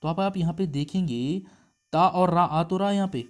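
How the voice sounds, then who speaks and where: Man teaching Hindi grammar step by step. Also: a little high. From India. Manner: explains step by step, asks the class questions; sounds out syllables slowly and repeats them. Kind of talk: exam-prep lesson.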